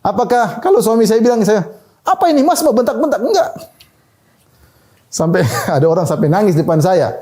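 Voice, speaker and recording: Male preacher, relaxed lecture tone, a touch high and warm, quick to laugh and act out quotes. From Indonesia. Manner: conversational, laughing asides, quotes people in acted voices. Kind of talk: sermon.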